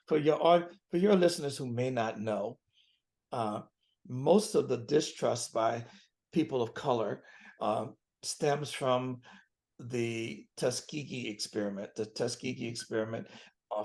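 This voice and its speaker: A man in his seventies speaks as a physician guest, earnest and emphatic, often repeating key phrases. His voice has a gravelly, creaky texture at a middling pitch. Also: a little mellow. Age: 70s. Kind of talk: interview conversation.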